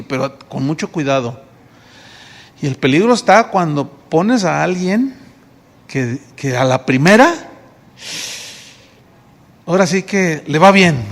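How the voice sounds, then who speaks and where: A male pastor with a Mexican Spanish accent, preaching a sermon and telling a story in which he acts out the dialogue. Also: high-pitched. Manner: lively storytelling, acting out dialogue. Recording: long reverb of a church hall.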